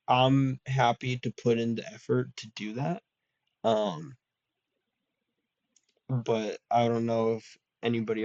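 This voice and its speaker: A young adult vlogger rambles through a casual solo chat in his college dorm room. His medium-pitched voice is darkish and slightly nasal, full of ums and restarts, in a dull, lo-fi, dry recording with no room sound.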